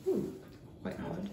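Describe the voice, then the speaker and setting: Lively, giggly young British woman. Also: fairly low pitch, gravelly. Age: young adult. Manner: giggly, expressive. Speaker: taste tester. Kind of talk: casual chat. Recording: roomy, distant mic, faint noise.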